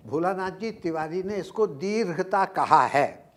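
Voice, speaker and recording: An older man giving a recorded university lecture, explaining slowly with drawn-out pauses and stressing words to demonstrate his examples. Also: high voice, animated.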